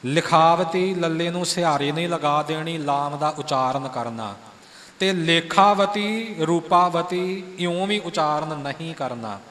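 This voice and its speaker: Man, high voice, scripture teacher, calm explanations, slow sung examples, long hall reverb. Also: a little hiss or hum. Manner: explains calmly, then sings lines slowly to model pronunciation. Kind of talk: teaching correct recitation of scripture.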